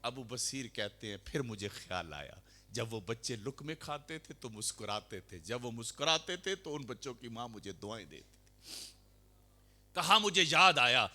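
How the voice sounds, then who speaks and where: Male preacher mid sermon storytelling, super bright tense voice, big swings up to loud bits. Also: mid-range voice. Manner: animated, surging to loud emphatic peaks.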